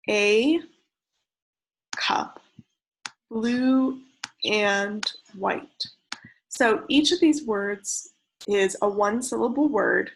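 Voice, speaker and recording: A young woman leads a children's writing class over a computer mic, talking slowly and patiently. Her voice carries a gravelly fry, and a faint hiss sits under it. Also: fairly high pitch, a bit bright, poor audio. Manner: patient, counts syllables aloud slowly. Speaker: creative writing teacher. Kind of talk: online lesson for children.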